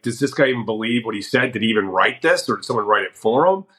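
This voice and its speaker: A man's voice: mid-range voice, animated, fast, fairly bright tone, rough recording. A man from the US Northeast telling blunt, conversational sales stories on a podcast. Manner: blunt, conversational, acts out his own quoted lines. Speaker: sales guest. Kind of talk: casual podcast storytelling.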